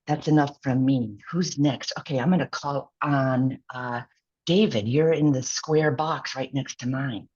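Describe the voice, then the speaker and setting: Low, husky woman on a video call. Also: fairly even intonation, a little slow, a little mellow. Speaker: course co-facilitator. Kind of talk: casual video-call introduction. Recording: dull lo-fi video-call audio.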